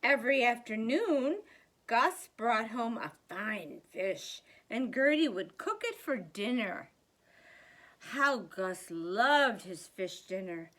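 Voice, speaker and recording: An older woman, a grandmother, reads a children's book aloud to young children with expressive storybook delivery. She goes slowly and deliberately, her pitch very animated and her emphasis lively.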